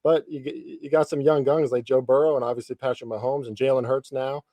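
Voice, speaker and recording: This thirtysomething podcast host questions a guest in a casual sports chat, slangy and peppered with mild profanity. His medium-pitched voice is steady and dark in tone, and he speaks briskly. The recording sounds dry.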